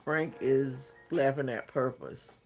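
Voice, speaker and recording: A man's voice: medium pitch, takes it slowly, a little mellow, faint music behind. A man hosting a craft livestream, reading viewer comments aloud and answering them in a hesitant, thinking-aloud way.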